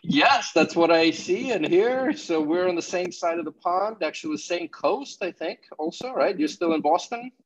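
A man's voice: high-pitched, expressive, normal speed, hardly any pauses. A man hosting a podcast, chatting casually and rambling with fillers. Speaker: podcast host. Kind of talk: casual chat. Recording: dull lo-fi audio.

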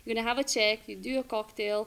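A man's voice: high-pitched, flat delivery, very fast, creaky, fairly bright tone, slight background noise. A woman quoting a brusque male restaurant owner, speaking blunt, clipped non-native English as he offers her a job. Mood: brisk.

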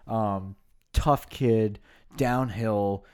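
Low-voiced man talking college recruiting. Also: fairly even intonation, very slow, a little mellow, clean tone. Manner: enthusiastic, rattles off recruit names. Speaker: college football podcast host. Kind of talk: casual sports talk.

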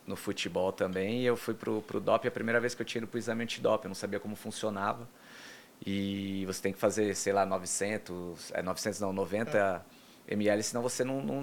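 A man, a former footballer, telling lively anecdotes on a talk show and swearing casually. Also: fairly low pitch, a little hiss or hum. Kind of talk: casual interview chat.

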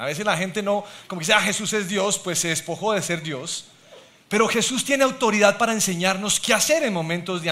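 A man's voice: sits high, bright, forceful tone. A man pastor preaching a sermon, mixing humor with scripture.

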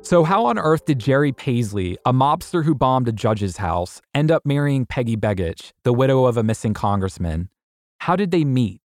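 A man's voice: mid-range voice, very animated, no echo. Man narrating an investigative podcast. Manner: measured storytelling, rhetorical questions.

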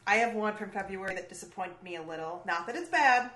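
A woman's voice: mid-range voice, moderate pace, a bit bright. A young woman co-hosting a casual music podcast, blunt and opinionated, swearing casually. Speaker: podcast co-host. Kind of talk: casual chat about music. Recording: echoey room.

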